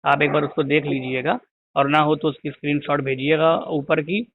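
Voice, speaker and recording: A man with a somewhat high voice comes through a crackly cordless phone line, thin and hissing. He explains patiently to a caller and goes back over each point again and again. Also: little pitch movement, normal speed. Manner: patient, repeats points to make them clear. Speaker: teacher answering a caller. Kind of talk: phone call advice. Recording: tinny, noisy phone line.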